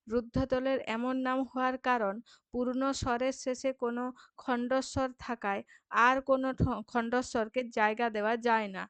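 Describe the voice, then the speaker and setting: A woman's voice: fairly high pitch, clean tone, no room sound. A woman teacher with a Bengali accent, reading workbook questions and answering them, drawing words out syllable by syllable.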